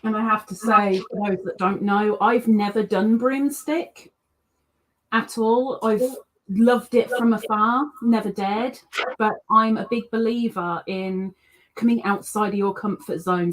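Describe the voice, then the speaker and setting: A woman's voice: mid-range voice, slight background noise. A woman co-hosting a crochet lesson over an echoey remote line, chatty and encouraging. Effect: echoey sound on her audio. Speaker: co-host. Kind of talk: casual crochet tutorial chat.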